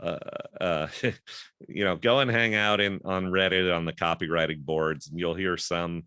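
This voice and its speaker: A man's voice: low voice, fairly even intonation, moderate pace, bright, forceful tone, clean tone, no echo. A man hosting a casual group discussion over a video call, rambling and thinking aloud with lots of fillers.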